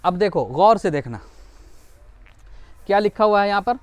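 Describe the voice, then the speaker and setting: A man's voice: sits high, expressive, clear, resonant tone, no echo. A man teaching a Quran reading lesson in a classroom style, explaining patiently, repeating each example and answering his own questions. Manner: drawls out example words slowly to model pronunciation.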